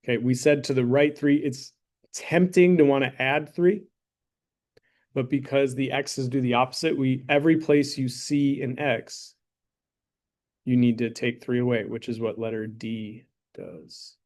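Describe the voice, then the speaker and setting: A male math teacher with a medium-pitched, darkish voice speaks a little slowly with fairly even intonation. His classroom lesson includes a mock sponsor plug, and he jokes conversationally, checking in often with "right?" and "okay?".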